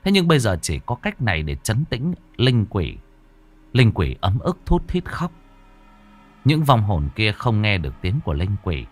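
A man narrating a horror story in a slow, expressive, dramatic manner. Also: on the low side, soft background music.

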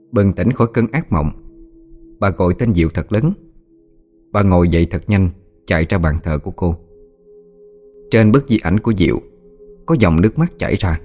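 A man reading a ghost story aloud in a slow, somber way. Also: sits low. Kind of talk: scripted horror story narration. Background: soft music with singing bowl.

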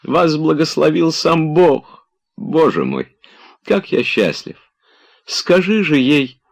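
A man voicing a dreamy, gentle gentleman who speaks with earnest, halting emotion. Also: medium pitch, sing-song, pitched above the performer's own voice, heavily acted. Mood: emotional.

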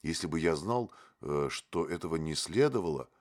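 A man voicing a naive, fawning young male poet who talks in a gushing, drawn-out way. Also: rumbling low, animated. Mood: pleading.

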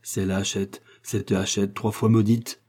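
A man voicing a terrified, guilt-stricken male museum curator who speaks hoarsely and frantically. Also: lowish voice, level tone, measured pace, a little mellow. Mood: frantic. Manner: frantic, raised voice.

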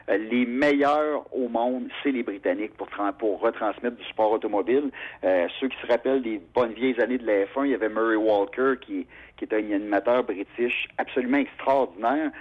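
Heard with phone-quality sound, a man with a mid-range voice and a Québécois French accent chats through stories in a radio interview. He's a motorsport announcer from Quebec, animated and talkative, his speech packed with fillers and restarts.

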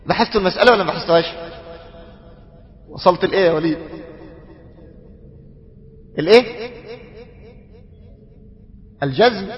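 A sheikh with an Egyptian accent teaches his students, moving between formal Arabic and everyday speech. He asks them questions and draws out their answers, and he slows down to chant each phrase when demonstrating it. His voice sits high, and it carries a long echo, as if recorded in a large hall. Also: animated, highs cut off. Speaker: sheikh teaching a study circle. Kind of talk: Egyptian-colloquial lecture mixed with formal Arabic.

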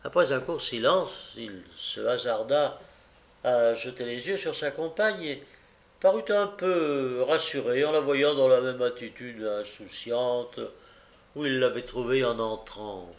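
A man narrating a classic novel as an audiobook reader, measured and deliberate with occasional hesitant fillers. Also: medium pitch.

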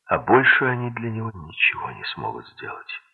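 A male audiobook narrator reading a thriller at a slow, steady pace, his voice very deep, gravelly and somewhat husky. The sound is narrow and tinny, like a phone line. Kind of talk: scripted narration.

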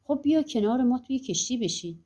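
A woman's voice: high-pitched, expressive, mellow, husky, pitched above the performer's own voice. A woman voicing a simple, earnest young peasant lad in a storybook audiobook. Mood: friendly.

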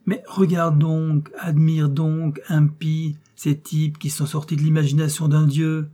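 A hot-tempered old professor lectures and scolds in a booming, scornful voice, as a man puts him on in an audiobook reading. The tone is dark and husky, mid-pitched. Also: completely flat delivery, normal speed. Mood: lecturing. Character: irascible, excitable old male professor.

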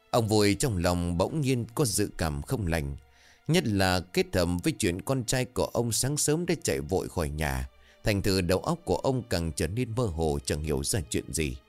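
A man narrating a ghost story in a steady storytelling manner. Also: deep voice. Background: faint music.

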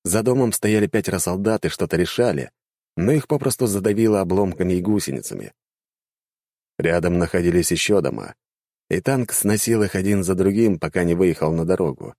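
Deep-voiced lively male storyteller. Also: a little fast, dry recording, clean studio sound. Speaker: narrator. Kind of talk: storytelling narration.

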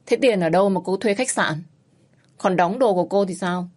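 A woman voicing a calm, bossy young man who speaks in short, commanding lines. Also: mid-range voice, normal speed, lightly acted. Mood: curt.

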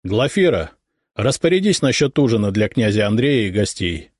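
A man's voice: on the low side, sing-song, normal speed, darkish tone, slightly rough, no room sound, clean studio sound. A man reading an audiobook, voicing a stern, imperious noble mother who scolds her children. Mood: scolding. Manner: reproachful, imperious. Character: stern high-born mother, sharp and scolding.

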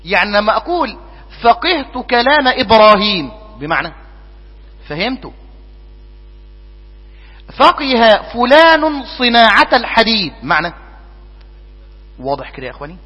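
A man's voice: high voice, sing-song, normal speed, pauses often, pushed and bright. A man with an Egyptian accent teaching a jurisprudence lesson, putting questions to his students and answering them himself. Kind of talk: classroom lesson. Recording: dull lo-fi recording in a hall with long reverb.

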